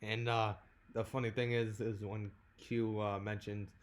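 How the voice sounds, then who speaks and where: Low-voiced easygoing male podcast host. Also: flat delivery, measured pace. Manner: easygoing, agreeing, with many fillers. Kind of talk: casual chat.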